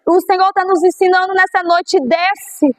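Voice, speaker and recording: A woman's voice: very high-pitched, steady tone, normal speed, poor audio. A young woman preaching a fervent sermon, repeating phrases for emphasis, her voice a little strained. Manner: fervent, repetitive exhortation.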